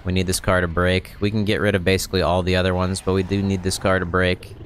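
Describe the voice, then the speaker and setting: A man's voice: low-pitched, little pitch movement, quick pace. A man in his thirties giving casual gameplay tips and commentary into a close microphone as a streaming host. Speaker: game streamer and tutorial host. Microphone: close microphone on a boom arm. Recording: close mic with clear background noise.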